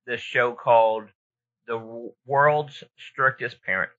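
Very bright-voiced man, rambling casually. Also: mid-range voice, steady tone, slow. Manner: rambling, informal, thinking aloud. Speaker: podcast co-host. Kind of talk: casual opinionated chat. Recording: dull lo-fi audio.

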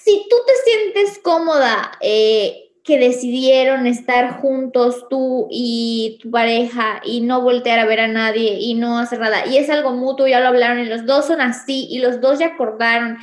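High-voiced young woman, echoey room. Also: measured pace, few pauses. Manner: frank, animated, uses many fillers. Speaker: podcast co-host. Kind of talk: casual chat.

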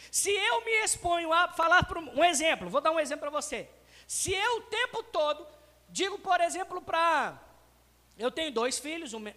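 A man's voice: extremely high pitch, sharp tone. A male pastor preaching a sermon to his congregation, talking to them directly and acting out everyday scenes. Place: church sanctuary. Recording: long reverb of a church hall.

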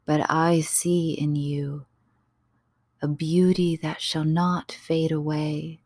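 Woman voicing a gentle, soft-spoken male prophet. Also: little pitch movement, no echo. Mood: tender. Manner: soft, low and slow. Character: gentle, calm male prophet speaking tenderly.

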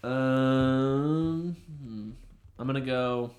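A man in his twenties, a podcast co-host telling a rambling, animated story in casual chat. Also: mid-range voice, fast. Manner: rambling, animated, shouts out quoted lines. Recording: roomy echo.

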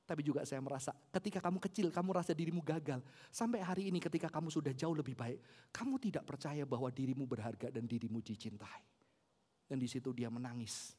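A pastor delivering a sermon and prayer, earnest, dropping to hushed tones and rising to loud emotional peaks, mixing formal address with casual slang. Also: medium pitch, fast, slightly rough.

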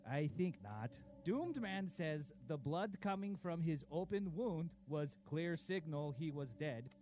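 An actor playing a cruel, boastful dark lord king reading his diary in broken grammar, in a comedic audio sketch. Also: fairly high pitch, expressive, takes it slowly. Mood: pompous.

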